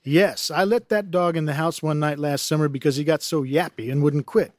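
A man reading out a rough backwoods talker spinning a superstitious yarn in plain, ungrammatical country speech. His voice sits a little high for a man. The sound is close and dry. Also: steady tone, a little fast, no room sound, lightly acted. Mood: spooked storytelling. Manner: folksy broken grammar, yarn-spinning. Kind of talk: reading fiction aloud.

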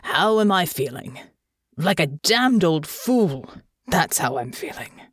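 A woman's voice: deep voice, sing-song, slow pace, breathy edge, no room sound, clean studio sound, heavily acted. A woman voicing a weary, bitter older baron who mutters and sighs. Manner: muttering, sighing.

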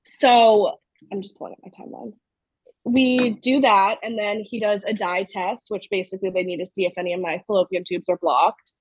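A thirty-year-old woman speaks as a podcast guest and tells her own story in a casual, animated way, peppering it with "like". Her voice is breathy and a little husky. The sound is dry and close, with no room around it. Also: medium pitch, moderate pace, no echo, poor audio. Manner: animated, fills speech with "like".

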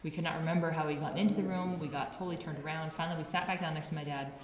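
A woman in her thirties, a cave resource manager, chatting quickly and laughing often while sitting in an underground cave, her voice echoing off the rock. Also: sits low, fairly even intonation, a crowd in the background. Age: 30s. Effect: cave echo. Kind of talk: casual interview storytelling. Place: large underground cave room. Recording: echoey cave, dull muffled sound.

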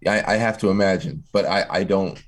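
Very deep, husky-voiced man. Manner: halting, stammering restarts when worked up. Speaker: podcast co-host. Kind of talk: casual political talk.

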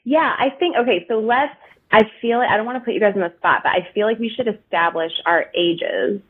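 A woman in her thirties, a podcast guest, talking in an animated, self-deprecating way. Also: mid-range voice, fairly quick, slightly rough. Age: 30s. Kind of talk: casual podcast chat. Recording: tinny phone-like line.

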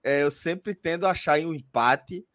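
A man's voice: fairly high pitch, normal speed, a bit bright, dry recording, clean studio sound. A man hosting a casual betting podcast in slangy, sweary colloquial speech. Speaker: podcast host.

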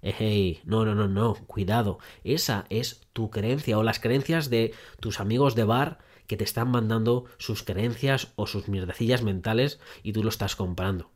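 A man's voice: on the low side, moderate pace. A man hosting a podcast who gives relationship advice, speaking directly to the listener with repeated phrases for emphasis. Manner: direct second-person address, repetitive emphasis. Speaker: podcast host.

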